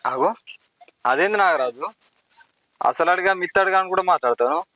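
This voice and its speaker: A man with a Telangana Telugu accent playing a young village postman who pleads, defends himself and gets angry quickly. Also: high voice, sharp tone, dry recording, soft background music, rough recording. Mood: indignant. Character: young male village postman, anxious about honour. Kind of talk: village drama acting.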